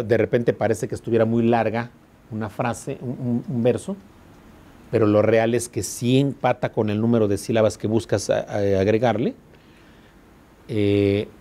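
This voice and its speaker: A man's voice: fairly low pitch, steady tone, moderate pace, pauses often, mellow. A man with a Mexican accent teaching a class, explaining patiently and often asking the students if they follow. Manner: explains patiently, checks understanding with constant questions. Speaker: law school teacher. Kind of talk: classroom lecture.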